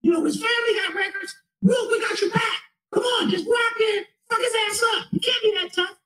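Guy doing a squeaky high boss man yelling, pushy and egging on a fight. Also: fairly quick, roomy sound. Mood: mocking, shouting. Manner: shrill, shouting, mocking.

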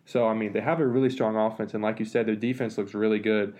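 A man co-hosting a casual sports talk show, analytical and relaxed, with many fillers and restarts. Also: lowish voice, fast talker. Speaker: sports podcast co-host.

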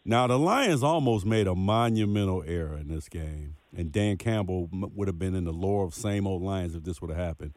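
A man's voice: sits low, normal speed, few pauses, darkish tone, no room sound. A man co-hosts a casual sports podcast, his voice close and dry with no room around it. He talks in an everyday way and hammers his points home, repeating lines for emphasis. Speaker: podcast co-host.

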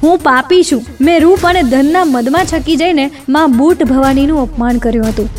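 A woman's voice: high-pitched, moderate pace, close to an everyday voice. A woman reading the lines of a stricken young queen, wailing and despairing. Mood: remorseful. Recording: distant mic, faint music.

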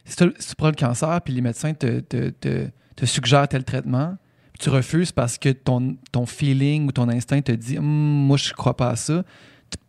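A man co-hosting a casual podcast chat, asking thoughtful questions in a measured way. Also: mid-range voice, steady tone, creaky, a little mellow, dry recording, clean studio sound.

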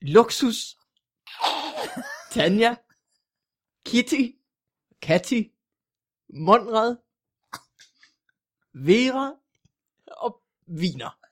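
A man playing a deadpan lonely school principal. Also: sits high, pauses often. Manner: deadpan, hesitant, literal answers. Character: lonely male folk-high-school principal with many cats. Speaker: comedy guest character. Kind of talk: improvised comedy podcast character.

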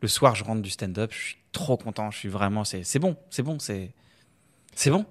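Relaxed French comedian, easy laugher. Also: male voice, fairly low pitch, normal speed. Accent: French (France). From France. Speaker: comedian guest. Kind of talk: casual conversation.

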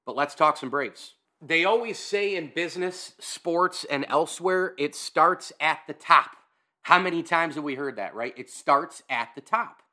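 A man's voice: a little high, bright, forceful tone. A man hosting a sports podcast, giving casual solo commentary in a conversational way, repeating phrases and checking in with the listener. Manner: conversational, repeats phrases, asks "right?" for emphasis.

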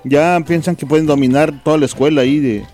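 Co-host guy, high voice, chatty, music under. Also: fairly even intonation, fast, a little mellow. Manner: chatty, opinionated. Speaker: radio co-host. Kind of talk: casual call-in radio chat.

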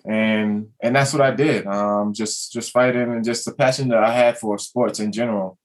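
Halting, restart-heavy man. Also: on the low side, steady tone. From Maryland, USA. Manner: halting, many restarts and fillers. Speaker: guest, former basketball player. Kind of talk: casual podcast chat.

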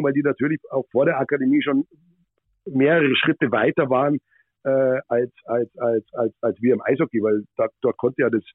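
Podcast guest: man from Bavaria, hesitant, filler-heavy, husky, on a dry phone-like line. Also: mid-range voice, no echo. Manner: hesitant, many fillers and restarts. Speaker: former hockey manager, podcast guest. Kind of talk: podcast interview answers.

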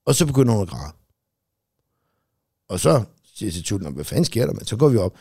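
Gravelly-voiced man telling a rambling story. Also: lowish voice, sing-song, warm tone, dry recording, clean studio sound. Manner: rambling, swears freely, many fillers. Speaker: podcast co-host. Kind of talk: casual storytelling chat.

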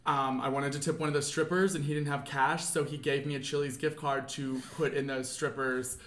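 A man's voice: medium pitch, little pitch movement, brisk, fairly bright tone, reverberant, a little hiss or hum. A man in his thirties from Kentucky, a podcast guest chatting casually and rambling with lots of fillers. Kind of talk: casual chat.

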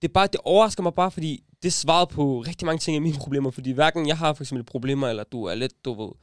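A man's voice: on the high side, no echo, studio quality. A young man hosting a casual podcast chat, teasing his friends and mixing English slang into his talk. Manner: teasing, laughs often, mixes English slang. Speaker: podcast host.

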